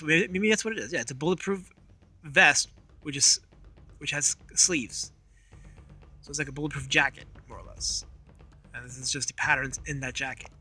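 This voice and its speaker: A man with a fairly high, clearly bright voice talks through his drawing off the cuff. He feels his way hesitantly from idea to idea, like a casual host working outdoors, with faint music behind him. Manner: hesitant, thinking aloud. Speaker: comic artist, video host. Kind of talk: casual unscripted drawing commentary.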